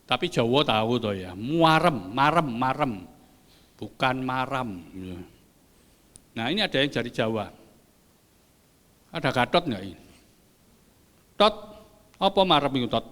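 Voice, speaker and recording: An older man preaching a sermon as pastor, lively and joking with the congregation. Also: medium pitch, measured pace, pauses often. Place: church hall. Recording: long church hall reverb.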